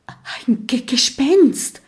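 A woman voicing a brave, quick-thinking little boy dragon who gives urgent orders. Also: high voice, big pitch swings, darkish tone, voice pushed up, full character voice. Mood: scared whisper. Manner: urgent, bossy when giving orders.

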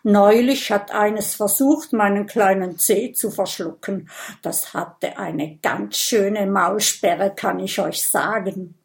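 Woman voicing a huge slow grass dragon. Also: medium pitch. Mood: easygoing. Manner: slow, ponderous, clears his throat. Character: giant gentle old male grass dragon.

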